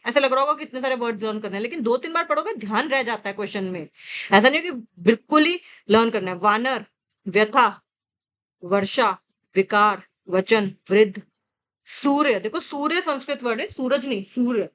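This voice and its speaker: A woman teaching an exam-prep vocabulary lesson, reading word lists slowly with coaxing asides to students. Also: fairly high pitch, lively intonation, a bit bright.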